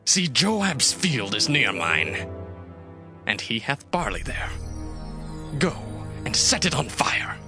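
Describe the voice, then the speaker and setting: An actor playing an ambitious, persuasive young prince in a dramatized scripture reading, talking in a smooth, ingratiating way. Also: male voice, medium pitch, sing-song, slow pace, long pauses, music in the background. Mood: commanding.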